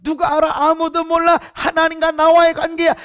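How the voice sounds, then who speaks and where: A middle-aged male pastor preaching a sermon, swinging between hushed asides and shouted emphasis and acting out quoted inner voices. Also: extremely high pitch, monotone, fairly quick.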